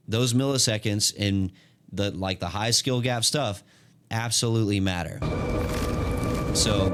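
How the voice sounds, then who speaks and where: A man giving casual, excited gameplay commentary, full of slang, fillers and restarts. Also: fairly low pitch. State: hiccuping. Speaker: gaming content creator.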